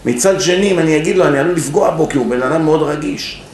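A rabbi giving a sermon at a yeshiva, telling stories, acting out the people in them and putting questions to his listeners. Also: a little high. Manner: storytelling with acted-out quotes, asks the audience questions. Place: yeshiva hall. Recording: echoey room with faint noise.

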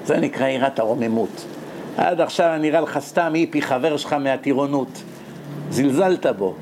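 A man giving a sermon, telling stories and acting out the characters in excited voices, with frequent laughter. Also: medium pitch, noisy background. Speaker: rabbi giving a Torah lecture. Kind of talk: lively sermon with storytelling.

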